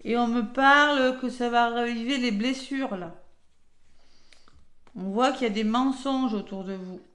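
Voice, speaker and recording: Chatty French tarot reader, echoey room. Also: female voice, fairly high pitch, steady tone, measured pace, a bit bright. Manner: chatty, filler-heavy, frequent "hein". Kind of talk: weekly tarot reading.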